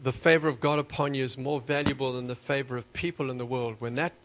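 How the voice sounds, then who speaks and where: A man preaching a sermon in short, emphatic phrases, pausing for an interpreter. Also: mid-range voice, fairly even intonation, a little hiss or hum.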